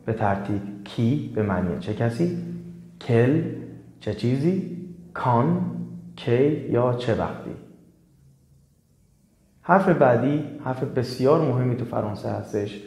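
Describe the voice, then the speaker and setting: A man teaching the French alphabet in a slow, step-by-step lesson. He spells out letters and repeats each example word. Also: mid-range voice, expressive, gravelly, darkish tone, echoey room.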